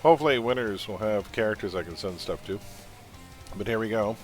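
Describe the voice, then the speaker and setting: A man's voice: on the low side, a little fast, soft background music. A man hosting a trivia quiz on a livestream, reading questions and making sarcastic jokes between them.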